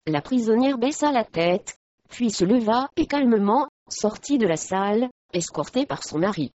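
A woman narrating a historical storybook in a steady, measured way, in a dull lo-fi recording. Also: on the high side.

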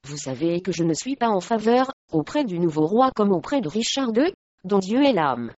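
A woman reading aloud voices a remorseful medieval English lord in a lowered, gruff tone, in a dull lo-fi recording. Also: very animated, moderate pace, a little mellow. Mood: gruff, troubled. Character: angry remorseful medieval English lord, middle-aged man.

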